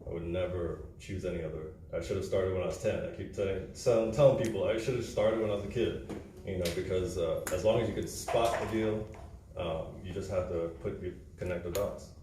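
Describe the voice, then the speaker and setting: A man telling his story at an event in a halting way with many fillers. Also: deep voice, steady tone, noisy background. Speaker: event speaker. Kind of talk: casual personal story. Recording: echoey room from a distance.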